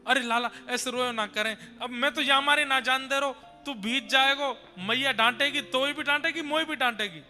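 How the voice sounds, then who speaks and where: A man's voice: very high voice, moderate pace, few pauses, sharp tone, voice pushed up, heavily acted. A man playing a doting old Braj father, coaxing. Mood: soothing. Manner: coaxing, fond scolding. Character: doting elderly father, indulgent but cautious. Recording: long hall reverb with music.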